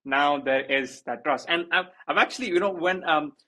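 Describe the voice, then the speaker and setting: A man's voice: a little high, normal speed, bright, forceful tone. A man hosting an interview, agreeable and chatty, with lots of "you know" fillers. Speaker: interview host. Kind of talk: casual interview talk.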